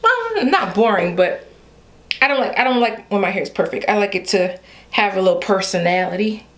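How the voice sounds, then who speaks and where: Speaking in a mid-range voice with lively intonation, this young adult Haitian woman chats at a moderate pace and sounds a bit bright. With her Haitian accent, she playfully addresses viewers as "y'all" in a casual hair vlog, a chatty beauty vlogger.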